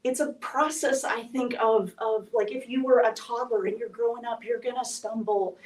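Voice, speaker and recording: A woman's voice: fairly high pitch, fairly even intonation, moderate pace, a little mellow. A woman telling a candid, emotional personal story to a live audience at a speaker event. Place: event hall. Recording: echoey room from a distance.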